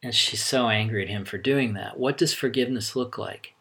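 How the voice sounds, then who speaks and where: A middle-aged man giving a sermon as a pastor, speaking conversationally with frequent halting pauses. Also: medium pitch, gravelly, bright, forceful tone.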